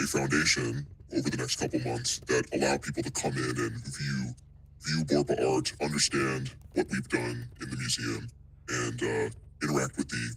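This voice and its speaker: This is a man's voice pushed through a pitch-shifting voice changer, so it sits impossibly low. The tone is grainy and husky under the effect. He talks in an earnest, explanatory way while fielding questions in a casual online session. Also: fairly bright tone, rough recording. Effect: voice changer shifting the pitch very deep. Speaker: NFT art project representative answering questions.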